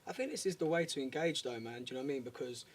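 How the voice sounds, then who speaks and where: A man's voice: medium pitch, expressive, very fast. A male host asking questions in a laid-back, casual manner. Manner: laid-back, says man and do you know what I mean. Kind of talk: casual interview.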